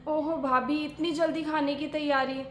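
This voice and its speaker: A woman's voice: high voice, fairly even intonation, normal speed, slight background noise, natural voice. A woman playing a young married daughter who complains in a chatty way about her strict in-laws, in a family skit. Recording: echoey room.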